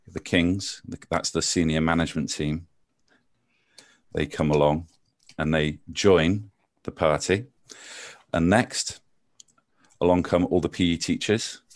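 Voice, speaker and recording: A man with a gentle Bristol accent, a maths teacher chatting over a video call and walking through card tricks with self-deprecating jokes. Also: extremely low pitch, no room sound, clean studio sound. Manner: self-deprecating, jokey, chatty with frequent ums. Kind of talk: casual chat and card trick demonstration.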